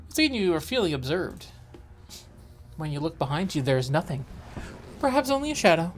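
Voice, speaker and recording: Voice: mid-range voice, big pitch swings, fairly quick. A co-host reading aloud the narration of a horror game and breaking off for joking asides.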